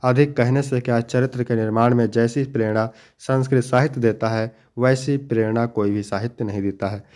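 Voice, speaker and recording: A man's voice: medium pitch, fairly even intonation, normal speed, a little mellow. Man teaching an exam walkthrough. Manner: explains each question and answer step by step, addressing students fondly. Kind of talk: exam paper walkthrough lesson.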